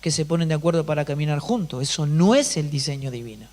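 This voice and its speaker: A pastor delivering an emphatic sermon, often putting rhetorical questions to the congregation. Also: male voice, on the high side, expressive, fast talker, darkish tone.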